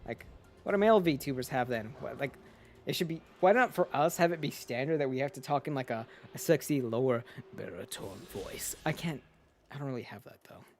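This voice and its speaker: A man's voice: medium pitch, lively intonation, brisk. A man streaming a video game, chatting casually in a rambling way and swearing often.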